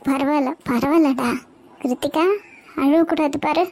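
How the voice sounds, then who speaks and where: A woman voicing a gentle, motherly older woman. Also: high-pitched, steady tone, unhurried. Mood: soothing. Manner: soft, motherly, reassuring. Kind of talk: cartoon web series voice acting.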